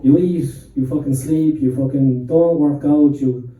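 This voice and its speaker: A man's voice: on the high side, fairly even intonation, unhurried, narrow, tinny audio. A man in his thirties with a Limerick Irish accent, doing a crude, self-mocking stand-up set and bantering with a pub crowd. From Ireland. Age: 30s. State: slightly out of breath. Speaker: stand-up comedian. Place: pub stage with live audience. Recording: roomy pub sound from a distant mic.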